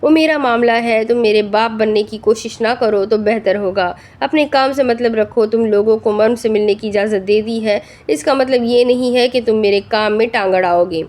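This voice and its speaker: A woman's voice: a little high, hardly any pauses, darkish tone, close to an everyday voice. A woman reading as a short-tempered gang boss. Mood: angry. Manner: scolding, harsh. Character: ruthless angry male gang boss, bossy and short-tempered.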